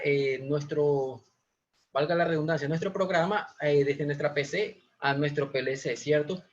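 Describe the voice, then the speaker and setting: A young Ecuadorian automation instructor with a Guayaquil Spanish accent teaches a live webinar, walking through each step and peppering his speech with "eh." His voice is a little high and fairly bright. He's in a small indoor room, and the webcam or laptop mic on the video call makes the audio muffled.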